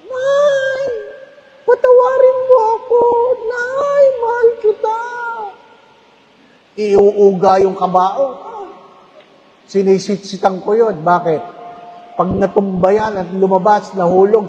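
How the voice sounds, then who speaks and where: High-voiced priest in an echoing church. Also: male voice, a little mellow, muffled recording. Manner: storytelling, humorous, addressing congregation. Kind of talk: homily. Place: parish church. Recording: church with long reverb.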